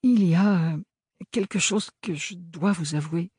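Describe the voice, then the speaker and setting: A man voicing a reserved young woman who speaks haltingly. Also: high-pitched, husky, no room sound, clean studio sound, voice pushed up. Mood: hesitant. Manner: hesitant, soft.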